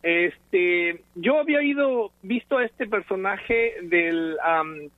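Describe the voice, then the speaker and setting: A Mexican man calls in to a radio show over a tinny phone line that sounds dry and close. He speaks with passion, yet halts often with fillers. His voice sits high for a man. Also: animated, takes it slowly, dry recording. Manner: impassioned, hesitant with many fillers. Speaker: radio caller. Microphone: telephone.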